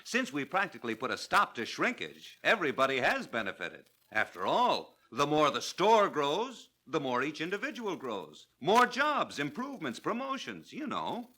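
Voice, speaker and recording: An actor playing a cheerful, folksy store manager, eager and chummy, in scripted training-film dialogue. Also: male voice, on the high side, huge pitch swings, moderate pace, hardly any pauses, pushed and bright, breathy edge, exaggerated voice. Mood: pleased.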